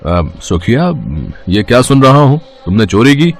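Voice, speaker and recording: A man voicing a stern male station master in a cartoon story, speaking slowly and gravely. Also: medium pitch, sing-song, faint music behind, natural voice.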